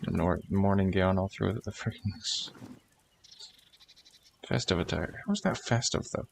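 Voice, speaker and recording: A man commentates casually on a game in a slow, fry-laden voice. He grumbles and swears in muttered asides over faint background noise. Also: sits low, rough recording. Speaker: gaming streamer.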